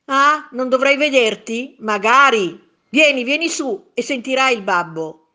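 A woman voicing a brisk mother who calls her son home with a teasing, scolding edge in a storybook reading. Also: high voice, lively intonation, pushed and bright, voice pushed up, full character voice.

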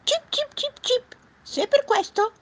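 Shrill chirping bird. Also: female voice, lively intonation, unhurried. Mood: boastful.

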